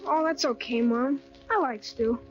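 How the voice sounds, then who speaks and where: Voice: sits high, measured pace. A performer playing a sweet, brave little boy in a sentimental old-time radio drama. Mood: sweet, wistful. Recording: muffled old radio recording with music. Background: music.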